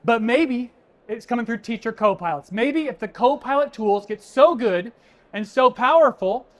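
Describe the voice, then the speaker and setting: Emphatic man giving a conference talk. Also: very high voice. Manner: punchy, conversational, addresses the audience as folks. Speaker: conference keynote speaker. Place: conference stage before an audience.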